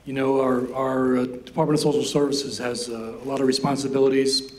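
A man's voice: medium pitch, little pitch movement, a little fast, low-quality recording. A man, an acting county executive, giving informal presentation remarks, hesitant with many fillers.

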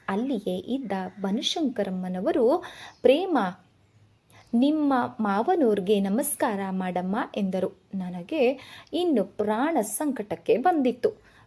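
A woman reading a novel aloud in first person, in a slow, measured, reflective way. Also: medium pitch, dark tone, breathy edge.

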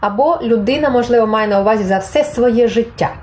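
A woman's voice: a little high, a little fast, a little mellow, rough recording. A woman teaching a Spanish grammar lesson, patiently explaining and reading example phrases aloud, then translating them. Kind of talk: online language lesson.

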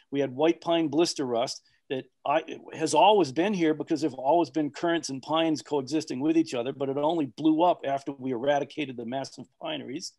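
A man's voice: on the high side, a little mellow. A man speaking on an online expert panel over a video call, rambling with many fillers and restarts.

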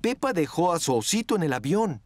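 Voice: mid-range voice, sing-song, brisk, close to an everyday voice. A performer narrating a scripted children's cartoon as its storyteller. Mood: storytelling.

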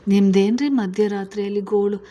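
A woman's voice: mid-range voice, fairly even intonation, fairly quick, mellow, close to an everyday voice. A woman voicing an exasperated middle-aged wife and mother in a spoken family story. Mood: scolding. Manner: scolding.

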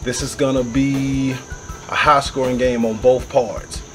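A man's voice: mid-range voice, little pitch movement, slow, fairly bright tone, faint music behind. Man talking around a cigar. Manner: hyped, chatty, repeats himself. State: cigar in mouth. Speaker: cigar reviewer. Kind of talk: casual vlog commentary.

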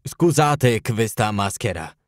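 A man's voice: lowish voice, animated, slow, dry recording, clean studio sound. An Italian man reading an audiobook, voicing a towering masked foreign king who speaks with solemn, formal urgency. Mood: guarded.

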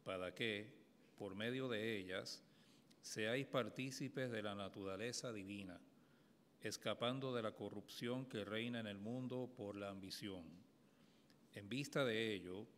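Middle aged guy doing a bible reading at mass, lowish voice, formal, reverby church. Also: a little slow, fairly bright tone. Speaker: lay reader at Mass. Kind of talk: scripture reading aloud. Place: church lectern, indoors. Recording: reverberant church hall, faint background noise.

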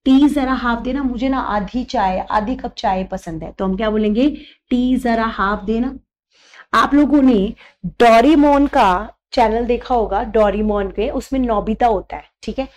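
A woman teacher giving a chemistry lesson, slowly dictating memory tricks, mixing Hindi with English terms and checking in often. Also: on the high side, a little mellow. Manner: slow, repetitive dictation of mnemonics; checks in with "thik hai".

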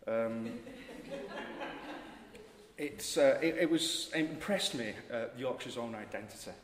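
Mancunian poet in an echoey chapel. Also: male voice, mid-range voice, takes it slowly. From Manchester, England. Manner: chatty, self-mocking, hesitant asides. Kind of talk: live comic poetry performance. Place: chapel, live audience. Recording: echoey chapel hall with live audience.

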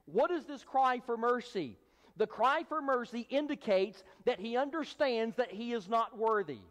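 In a church sanctuary that sounds like a large hall, a pastor with an extremely high voice delivers an emphatic sermon at normal speed. He's expressive and acts out the crowd's voices, raising his own to mimic their hushing.

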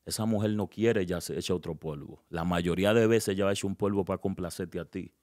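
A man's voice: deep voice, brisk, darkish tone, no room sound, studio quality. A man giving frank dating advice in a casual chat, joking and often laughing as he acts out lines. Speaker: guest relationship advisor.

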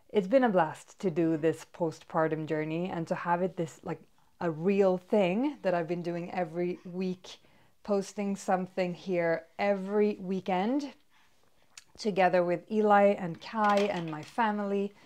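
Speaking in a lowish, somewhat dark voice at an unhurried pace, this fitness vlogger from Sweden is a woman in her thirties with a Swedish accent. She talks to a far-off camera indoors in a bedroom with toys, chatty and upbeat, filling her speech with fillers.

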